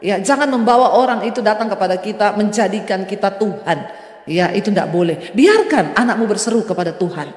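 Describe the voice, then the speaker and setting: A woman's voice: mid-range voice, expressive, brisk, a little mellow. A woman pastor preaching a sermon, emphatic and rising to exclamations, chuckling as she goes. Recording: echoey church hall reverb.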